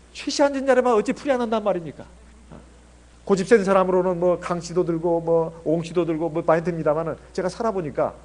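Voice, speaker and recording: A man's voice: high voice, darkish tone. A middle-aged man from Jeolla preaching a sermon as pastor, chatty and full of rhetorical questions. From Jeolla, South Korea.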